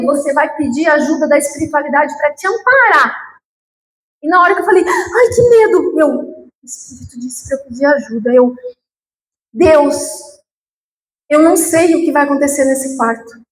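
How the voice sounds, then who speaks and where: High-voiced woman giving an emotional testimony. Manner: heartfelt, with slow drawn-out pleading phrases and sudden high emotional peaks. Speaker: guest lecturer. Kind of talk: emotional personal testimony lecture. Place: lecture hall of a spiritual group. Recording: roomy echoing hall with faint background.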